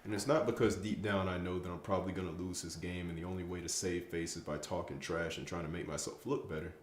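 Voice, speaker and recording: Tired deep-voiced man streaming late. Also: steady tone, fast, roomy sound, a little hiss or hum. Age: young adult. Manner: rambling, self-mocking trash talk with stumbles. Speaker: streamer answering chat. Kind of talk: casual late-night stream chat.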